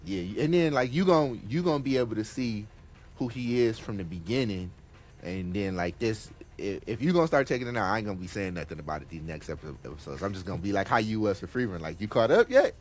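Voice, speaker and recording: A man hosting a casual podcast chat, retelling a story in an animated, slangy, excitable way. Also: on the low side, fast. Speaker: podcast host.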